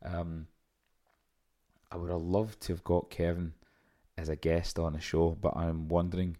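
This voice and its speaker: A man's voice: low voice, flat delivery, a little slow, mellow. A man with a Glaswegian accent chatting casually as a radio host, in an informal, self-deprecating manner.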